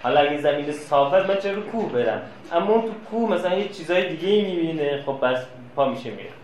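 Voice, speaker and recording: A man giving a classroom lecture, telling anecdotes and acting out quoted dialogue. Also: on the high side. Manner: lively storyteller, plays out quoted dialogue. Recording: echoey room, faint noise.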